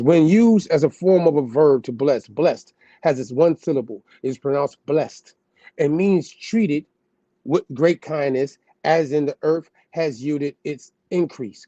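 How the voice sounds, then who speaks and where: Laid-back slangy man, mellow dull sound. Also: medium pitch, no room sound. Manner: loose slangy asides, calling the listener "God". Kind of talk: casual talk mixed with reading aloud.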